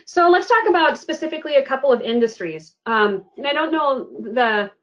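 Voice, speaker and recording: A woman's voice: high voice, animated, a little fast, muffled recording. A woman giving a webinar presentation in a conversational way, with frequent "you know" and "um".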